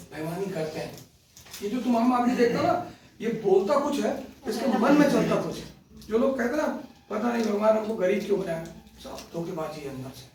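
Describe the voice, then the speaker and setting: A man's voice: high voice, a little hiss or hum. A man teaching a history class, chatty and joking, drifting into stories. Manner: chatty, joking, digressive storytelling. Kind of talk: classroom lecture. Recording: echoey classroom from far off.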